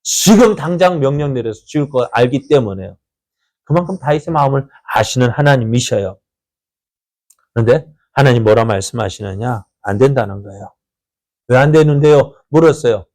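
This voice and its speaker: A man's voice: mid-range voice, expressive, moderate pace, darkish tone. A male pastor preaching a conversational sermon, telling a story and constantly asking the congregation rhetorical questions.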